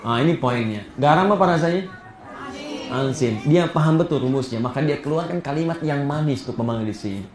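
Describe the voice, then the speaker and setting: A man gives an animated Islamic sermon, his fairly high voice jumping upward for emphasis and falling soft in the storytelling. He is heard in a roomy, echoing hall. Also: fairly quick, a crowd in the background. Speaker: preacher. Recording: echoey hall.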